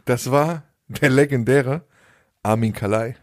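A young man co-hosts a casual podcast over remote call audio, speaking at a measured pace in a mid-range voice. He tells anecdotes, laughs at his own jokes, and imitates other people's voices.

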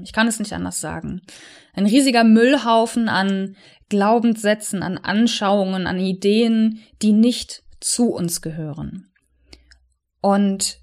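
Here a woman, probably in her thirties, talks directly to the listener in the role of a coach, reflecting in a personal way. Soft, earnest, and mid-range in pitch, she slows on the words she wants to stress.

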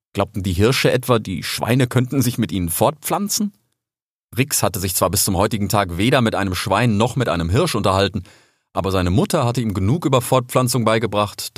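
A man narrating a children's animal story as an audiobook, in an expressive storytelling manner. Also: on the low side, no room sound, clean studio sound.

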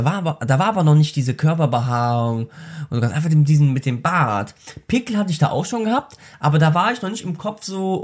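A man in casual chat whose voice is not deep. His pitch swings up and down a lot as he rambles, restarting sentences and filling gaps with "ähm". He keeps an easy, loose chatting tone. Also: darkish tone. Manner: rambling, many restarts and fillers.

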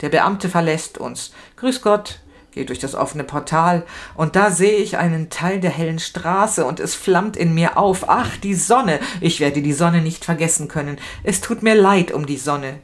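Expressive woman reading a novel aloud. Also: deep voice, unhurried. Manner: expressive, emotional, shifting between fear and anger. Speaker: reader. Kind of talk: literary reading, first-person narration.

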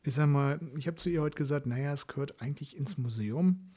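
A man in casual conversation, telling a story about a client and quoting her in lively asides. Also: on the high side, fairly quick.

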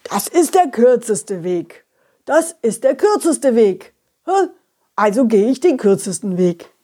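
A woman playing a husky, slow, sighing male donkey. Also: fairly high pitch, sing-song, mellow, heavily acted. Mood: glum. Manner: sighing and hesitant. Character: lonely, plodding male donkey hauling apples.

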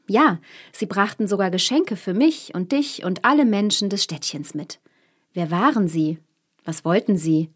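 A woman narrating a storybook in an expressive reading style. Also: mid-range voice, slightly rough. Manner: expressive, questioning asides.

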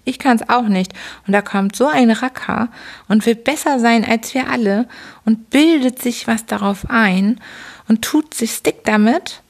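Lady doing a mean old dad in a bedtime story, barks and scolds, voice pushed up higher. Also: unhurried, vocal fry. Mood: threatening. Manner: bullying, scolding, barking questions. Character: gruff shouting drunken old father, middle-aged man. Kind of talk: bedtime audiobook reading.

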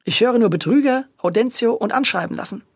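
A dutiful policewoman voiced by a storyteller in a children's audio story, her voice raised somewhat above the narration. She is firm and matter-of-fact, with a husky grain, and the sound is dry. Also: medium pitch, a little fast, no room sound, voice pushed up. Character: experienced, dutiful female police officer.

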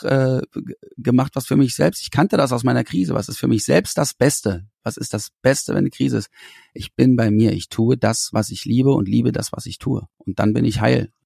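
A man's voice: medium pitch, moderate pace, creaky, slightly rough, dry recording, studio quality. A man being interviewed as a musician, talking animatedly and often restarting his sentences. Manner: animated, searching for words with restarts. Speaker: musician guest. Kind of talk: conversational interview answers.

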